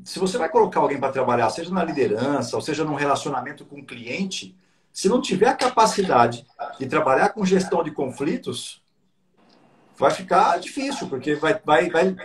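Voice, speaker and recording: A man's voice: on the high side, very animated, moderate pace. A Brazilian man, a business coach guesting on a live online talk, explaining points with frequent tag questions.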